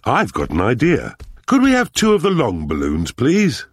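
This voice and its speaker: A man's voice: mid-range voice, wildly swooping pitch, normal speed, soft background music. A man voicing a jolly, confident cartoon father pig with a hearty manner. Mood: cheerful. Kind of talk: cartoon voice acting.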